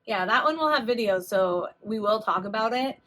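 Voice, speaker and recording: A woman in her thirties co-hosts a casual podcast, chatting and joking easily. Her voice sits at a middle pitch, and she slips into little acted-out quotes as she tells a story. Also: animated, moderate pace, pushed and bright, slight background noise. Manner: chatty, jokey, acts out quotes. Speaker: podcast co-host. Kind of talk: casual chat.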